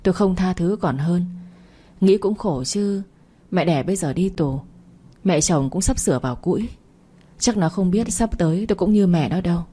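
Woman reading as a sharp-tongued older lady. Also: fairly low pitch, expressive, normal speed, breathy edge. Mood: weary. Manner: curt, scolding.

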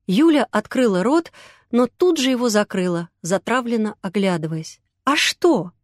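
A woman narrating an audiobook in the first person, reading in a lively, expressive way. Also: medium pitch, normal speed, dry recording, studio quality.

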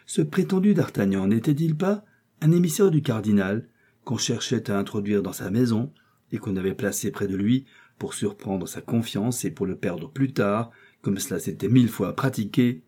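A man narrating a classic novel as an audiobook in a calm, even storytelling manner. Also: fairly low pitch, normal speed, husky.

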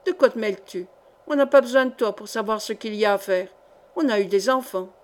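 A woman voicing a rough, irritable old landlady who scolds in a coarse, bossy way in a storybook reading. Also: mid-range voice, fairly quick, close to an everyday voice. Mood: threatening.

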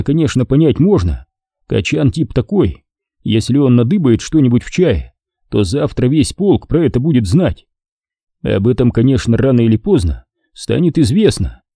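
A man's voice: medium pitch, gravelly, warm tone, no echo, studio quality. A man narrating an audiobook in a plain conversational storytelling manner. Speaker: audiobook reader.

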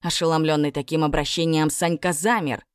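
A woman narrating a fairy tale audiobook in a lively, expressive way. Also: low voice, brisk, clear, resonant tone, dry recording, studio quality.

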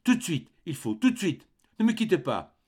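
A man reading an audiobook voices a distraught, terrified mother who pleads in high, desperate cries. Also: expressive, fast, gravelly, full character voice. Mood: desperate pleading. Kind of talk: audiobook character voice.

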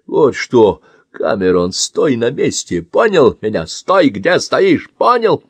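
Threatening brute of a man, barks orders, hisses, husky and raw as a male narrator voices him. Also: medium pitch, animated, takes it slowly, dry recording, voice pushed up, exaggerated voice. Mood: menacing. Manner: barking, hissing threats. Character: brutal adult man, menacing and aggressive.

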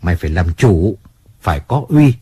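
A man voicing a calm, businesslike male family adviser in an audiobook, speaking firmly and plainly. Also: deep voice, husky, voice pushed down, full character voice. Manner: measured, firm, businesslike.

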